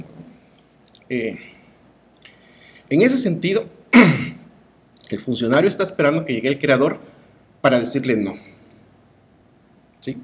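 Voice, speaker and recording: A middle-aged cultural promoter with a Mexican accent shares opinions in an interview, his voice medium in pitch. He speaks emphatically and rhetorically, often adding tag questions.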